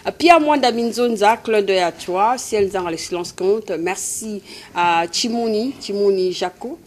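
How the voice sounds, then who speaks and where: A woman with a Congolese French accent hosts a radio program in a casual, chatty manner. Her voice sits at a medium pitch, and her delivery stays relaxed and easygoing. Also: a little slow. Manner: friendly, chatty, laughs often. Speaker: radio show host. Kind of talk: casual hosting chat.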